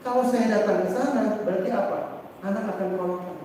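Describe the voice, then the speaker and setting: Animated man lecturing in an echoey hall. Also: sits high, brisk. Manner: animated, acts out parents and children, asks the audience questions. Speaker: Islamic teacher giving a parenting seminar. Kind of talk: lively lecture to parents. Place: large seminar room. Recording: distant, very echoey hall with faint noise.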